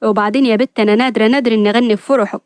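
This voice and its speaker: A woman voicing a spirited, sharp-tongued young woman who talks back fast and emotionally. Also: fairly high pitch, steady tone, smooth, dry recording, lightly acted. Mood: affectionate. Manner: quick, emotional, teasing retorts.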